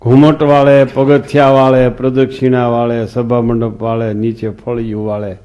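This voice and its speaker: A man's voice: mid-range voice, little pitch movement, normal speed, warm tone. A man giving a sermon as a swami, telling folksy stories and asking the listeners questions. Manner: folksy storytelling, asks the hall questions. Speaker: swami giving a scripture discourse.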